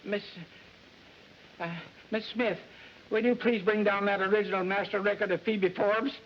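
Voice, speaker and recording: An actor playing a flustered middle-aged record company boss who blusters and then fawns, in 1940s film style. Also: male voice, high-pitched, steady tone, moderate pace, natural voice. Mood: blustering. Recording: dull old film soundtrack with faint hiss.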